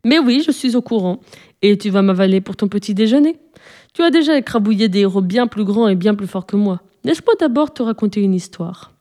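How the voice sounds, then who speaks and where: A woman's voice: mid-range voice, animated, fairly quick, warm tone, close to an everyday voice. A woman voicing a timid but wry young boy who tells a story, in a storybook reading.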